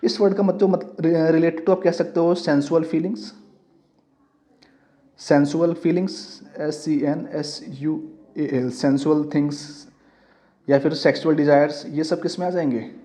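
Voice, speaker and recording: A man's voice: on the high side, fairly even intonation, normal speed, mellow. A man teaching an exam-prep English lesson, mixing English terms into his explanations and constantly asking students questions that he answers himself. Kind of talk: classroom-style exam lesson. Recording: dull lo-fi audio.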